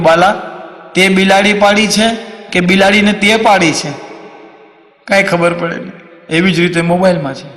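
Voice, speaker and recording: A man from Saurashtra with a Kathiawari Gujarati accent, telling comic stories on stage in a lively way. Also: fairly high pitch. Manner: lively, swings into loud acted quotes. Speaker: stand-up comedian. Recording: long hall reverb on a stage mic.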